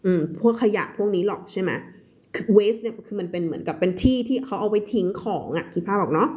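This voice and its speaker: A woman's voice: medium pitch, fast, warm tone. A woman English teacher giving a live reading lesson, explaining words one by one and repeating them to drill stress and sounds.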